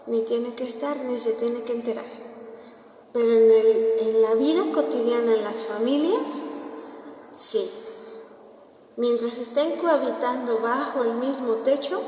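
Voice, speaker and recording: A woman with a Mexican accent speaks unhurriedly in a somewhat high voice, telling stories and pausing to check that her audience follows. Her voice comes from a distance in a very reverberant parish hall, with faint noise underneath. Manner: storytelling, often checks in with "¿sí?". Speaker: speaker at a parish family talk. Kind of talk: informal parish talk with anecdotes.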